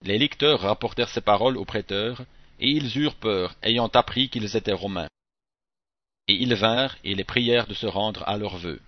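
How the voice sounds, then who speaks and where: A man giving a scripted Bible reading in a measured, even delivery, phrase by phrase. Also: lowish voice, dry recording. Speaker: scripture reader. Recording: dull, dry close recording.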